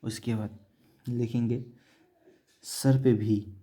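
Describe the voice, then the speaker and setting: Male teacher, husky and dark, drills a grammar lesson word by word and answers his own questions. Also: medium pitch, steady tone. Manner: slow, repeats each word, asks and answers own questions; says "theek hai" after nearly every point. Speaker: Sanskrit teacher.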